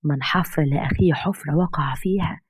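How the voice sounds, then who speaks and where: Woman playing a scornful mother-in-law, scolding, low husky voice. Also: brisk, dry recording. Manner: scolding, proverb-quoting.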